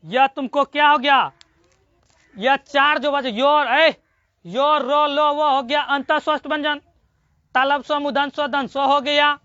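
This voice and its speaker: A high-pitched teacher with a bright, sharp tone works through a classroom grammar lesson, asking the same question again and again and stretching out each syllable. The dry, dull lo-fi recording has little room sound. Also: dry recording. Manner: drills students with repeated questions and answers.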